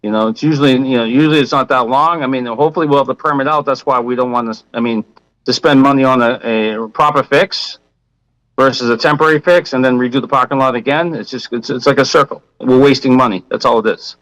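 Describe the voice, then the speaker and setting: A man's voice: mid-range voice, quick pace, a bit bright, no echo, poor audio. A man with a Boston accent, a contractor giving informal, plain-spoken testimony at a hearing.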